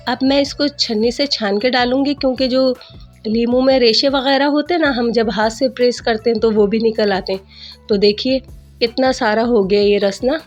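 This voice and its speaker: A woman narrating her cooking vlog in a chatty voice-over, explaining each step to viewers, her throat a little sore. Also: on the high side. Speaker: cooking vlogger. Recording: dull lo-fi voice-over with soft music.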